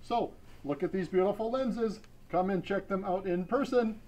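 A man playing a male photo-robot presenting used camera gear in a comic store announcement, with stiff sales-pitch patter. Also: normal speed, warm tone, low-quality recording. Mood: salesy.

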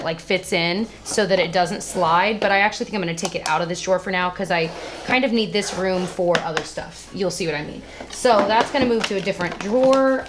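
A woman's voice: mid-range voice, noisy background. A young adult woman making a casual beauty vlog, chatty and self-teasing, laughing often as she talks. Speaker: beauty vlogger. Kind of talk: casual chat to camera.

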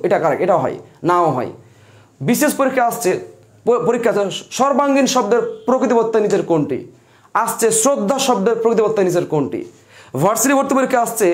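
A man teaching grammar for exams, repeating instructions and answering his own questions. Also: sits high. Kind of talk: exam-prep lesson.

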